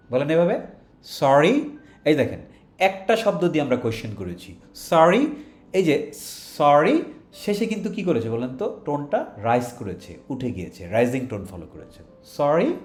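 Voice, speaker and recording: A man with a Bangladeshi accent teaching English in an online lesson, asking rhetorical questions and answering them himself. He models English questions with a clear rising tone. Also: mid-range voice, darkish tone. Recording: roomy echo with faint music underneath.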